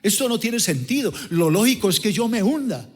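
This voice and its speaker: A man's voice: high-pitched, big pitch swings, moderate pace, slightly rough, long reverb tail, full character voice. A man voicing a frightened fisherman anxiously talking himself into doubt. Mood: doubtful.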